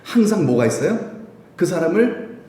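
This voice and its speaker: Male pastor, wide swooping delivery, slightly high voice, heavy church echo. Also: moderate pace. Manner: animated, laughing often, asks the congregation questions. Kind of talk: sermon. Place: church sanctuary. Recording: very echoey church hall.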